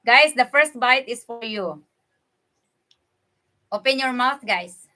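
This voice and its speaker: Her voice is a little high and sharp in tone, and she speaks slowly. This woman from the Philippines, with a Filipino accent, hosts a laid-back livestream where she eats, chats with viewers, and laughs often, all through a computer webcam mic.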